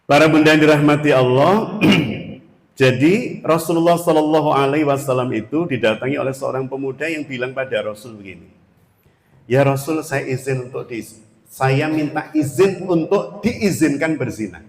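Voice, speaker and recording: A man's voice: medium pitch, normal speed. A male preacher gives a storytelling sermon to a women's study group, acting out the dialogue in different voices. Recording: echoey hall with long reverb.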